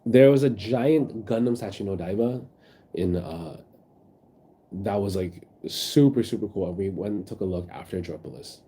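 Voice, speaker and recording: A sick, sniffly man rambles through a casual stream chat, reading out his viewers' messages with plenty of ums and likes. His voice sits a little low and sounds mellow and soft-edged, picked up on a phone. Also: normal speed, slightly rough. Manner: rambling, reads chat aloud, many fillers.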